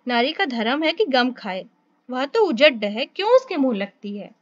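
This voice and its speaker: A woman's voice: sits high, big pitch swings, moderate pace, lo-fi sound. A woman voicing Datadin, a village elder who lectures in a reproachful tone. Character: village elder man, moralizing priest.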